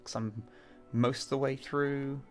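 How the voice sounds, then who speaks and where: A man's voice: mid-range voice, steady tone, a little slow. A man doing casual livestream game commentary, rambling a little and reading story text aloud. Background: faint music.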